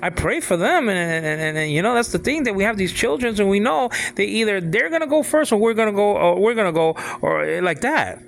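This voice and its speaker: Sixty-year-old man, high lively voice. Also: vocal fry. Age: 60s. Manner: halting, repeats words, checks in with listeners. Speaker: father speaking on faith. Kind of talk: informal religious talk.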